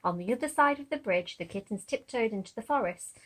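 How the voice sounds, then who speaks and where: A woman narrating a children's picture book aloud, gently pointing young listeners to the pictures. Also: fairly high pitch, animated, brisk, rough recording. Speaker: storybook narrator.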